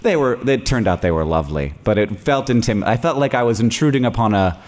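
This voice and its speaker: In his late thirties, an American man hosts a podcast live on stage before an audience, telling stories with self-deprecating humour and laughing often. His voice sits fairly low, with lively intonation and a quick pace.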